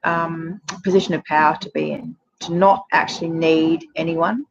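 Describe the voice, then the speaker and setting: A woman's voice: deep voice, fairly even intonation, moderate pace, creaky. A woman in her forties giving frank, chatty relationship advice to camera, with many fillers. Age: 40s. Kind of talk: casual direct-to-camera advice. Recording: dull lo-fi sound with faint noise.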